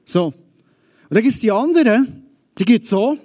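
A man preaching a lively, conversational sermon straight to the audience. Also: high voice, measured pace.

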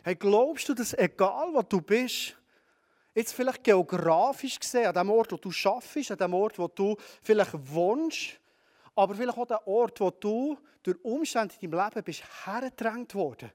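High-voiced Swiss German preacher. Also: male voice, expressive, moderate pace, darkish tone. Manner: conversational, addresses listeners directly. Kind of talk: sermon.

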